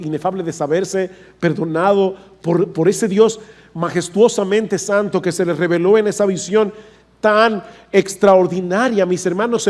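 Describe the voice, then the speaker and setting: Man, high-pitched voice, preaching, emphatic, talks straight to the congregation. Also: darkish tone. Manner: emphatic preaching, repeats "no, no" and addresses the congregation directly. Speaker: pastor. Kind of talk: sermon.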